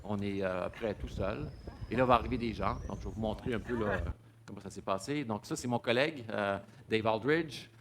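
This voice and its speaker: Hesitant low-voiced man lecturing. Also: normal speed, noisy background. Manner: hesitant, many repeated words and fillers. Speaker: astronomer giving a public talk. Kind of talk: public lecture with slides.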